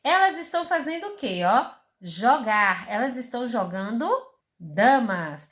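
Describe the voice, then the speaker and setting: Brazilian woman teacher, fairly high voice, slow and patient, asks rhetorical questions. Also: sing-song, fairly bright tone. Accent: Brazilian Portuguese. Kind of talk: recorded school lesson.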